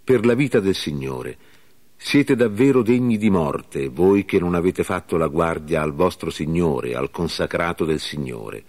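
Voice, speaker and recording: An earnest young warrior who calls out with indignation and solemn pleading, read by a man. The voice sits very low and carries a grave, declaiming tone. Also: lively intonation, unhurried, darkish tone. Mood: indignant.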